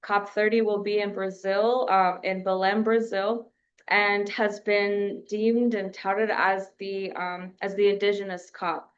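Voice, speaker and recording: Woman from New Mexico, press conference speech, flat even delivery, pauses with fillers, dull lo-fi audio. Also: medium pitch. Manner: measured, with frequent filler pauses.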